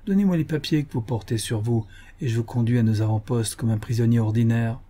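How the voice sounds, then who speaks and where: A man voicing a stern but good-hearted frontier scout in an audiobook, talking in a firm, brisk way. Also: mid-range voice, warm tone, natural voice.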